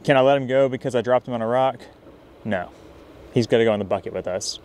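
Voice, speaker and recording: A young man narrating his night fishing trip by a riverbank in a casual vlog style. He gets excitable, whooping and hollering whenever a fish bites. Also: medium pitch, quick pace. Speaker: fishing vlogger. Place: riverbank near a dam at night, outdoors.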